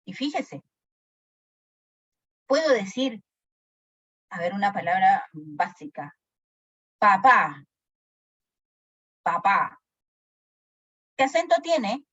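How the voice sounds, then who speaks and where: Woman teacher, slow talker, keeps quizzing the class, slightly husky, dry muffled audio. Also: mid-range voice, dry recording. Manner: animated, asks the class questions often. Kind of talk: classroom lecture with questions to students. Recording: dry, dull lo-fi sound.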